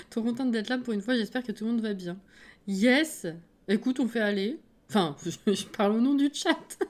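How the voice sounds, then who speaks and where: A woman with a French accent and a slightly high voice streams live, chatting casually with her viewers. She's self-mocking and laughs easily.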